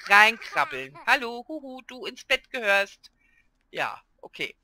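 A woman hosting a let's play, chatting excitedly through her game and talking to her characters. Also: fairly high pitch, a little slow. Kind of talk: casual gameplay commentary.

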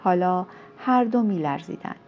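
A woman narrating a romance novel in a measured storytelling manner, as an audiobook reader. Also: fairly low pitch, lively intonation, soft background music. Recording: dull lo-fi recording.

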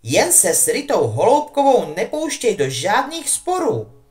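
A woman voicing a nervous teenage boy wizard who speaks quietly and anxiously. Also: mid-range voice, huge pitch swings. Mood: worried.

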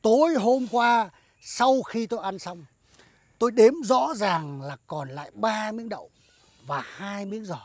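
An actor playing a stingy, bad-tempered old village master who scolds and repeats himself in a slapstick comedy film. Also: male voice, sits high, measured pace, no room sound. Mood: aggrieved.

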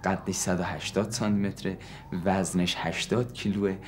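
A man's voice: low voice, fairly even intonation, a little hiss or hum, lightly acted. An actor playing an irritable, sarcastic man who snaps at his nosy neighbors. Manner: sarcastic, snapping. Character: irritable, fed-up young man painting. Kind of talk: sitcom acting.

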